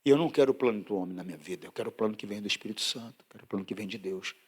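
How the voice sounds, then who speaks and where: A pastor from Brazil preaching a sermon and sharing his testimony, emphatic and swinging from loud to hushed. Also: lowish voice, racing, slightly rough.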